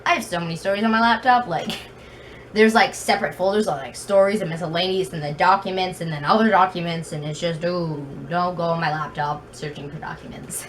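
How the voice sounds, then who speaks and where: A woman's voice: fairly low pitch, brisk. A woman with a very slight lisp telling stories in a casual, rambling, self-deprecating vlog style, recorded in her room. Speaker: video blogger. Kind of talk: casual chatty vlog storytelling. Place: bedroom at home. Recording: noisy room with fan, distant mic.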